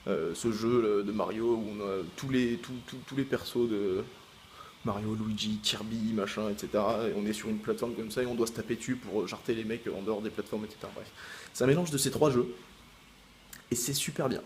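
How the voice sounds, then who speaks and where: A gaming YouTuber chats casually with his viewers in a vlog, rambling and hesitant, with lots of fillers and restarts. His fairly low voice moves fairly quickly, and there's a slight hiss or hum.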